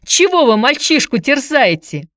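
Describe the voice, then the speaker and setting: A woman voicing a fussy, protective middle-aged aunt who talks in a shrill, quarrelsome way in an audiobook. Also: very animated, moderate pace, no room sound, studio quality, lightly acted. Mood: shrill angry. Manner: shrill, shouting and rattling words off.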